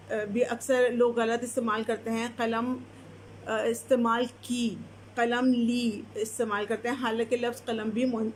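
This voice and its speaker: A woman's voice: on the high side, a little hiss or hum. A woman giving a live online lesson on correct grammar, explaining patiently and answering viewers' comments as she goes. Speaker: Urdu language teacher.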